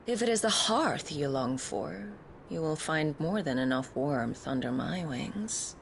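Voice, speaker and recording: A woman's voice: sits low, expressive, a little slow, gravelly, a little hiss or hum, full character voice. A woman playing a haughty, seductive video game villainess, imperious and cruelly taunting, with theatrical archaic phrasing. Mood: silky condescension.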